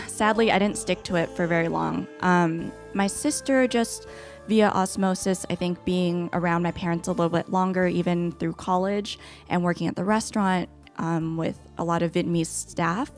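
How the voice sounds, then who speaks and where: A young woman from the United States hosting a casual chat, telling stories in a playful, animated way. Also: on the low side, normal speed, faint music behind. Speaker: host.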